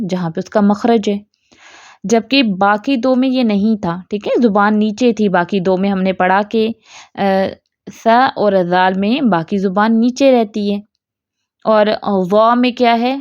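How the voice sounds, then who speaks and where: A woman teaching a lesson on how to pronounce recited Arabic letters. She explains patiently and repeats each sound slowly. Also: mid-range voice, darkish tone, no room sound. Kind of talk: tajweed lesson with recited examples. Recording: dull lo-fi dry recording.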